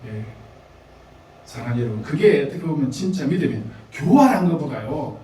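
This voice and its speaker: A man's voice: fairly high pitch, sing-song, fairly quick, mellow, heavy reverb, far from the mic, poor audio. A man with a Gyeongsang Korean accent preaching a sermon, talking conversationally to the congregation with laughs and asides. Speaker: pastor. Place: church sanctuary.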